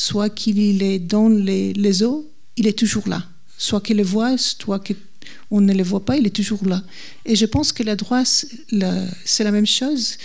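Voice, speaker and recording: A woman's voice: medium pitch, gravelly, a little mellow. A woman speaking French as a second language with a foreign accent, giving a public talk and searching for her words. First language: not French. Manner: halting, searching for words in non-native French. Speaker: guest speaker, legal historian. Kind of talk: public lecture in answer to a question.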